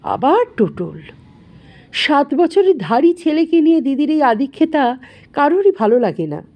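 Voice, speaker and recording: A woman narrating an audio story in an expressive, dramatic reading. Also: high-pitched, normal speed, muffled recording.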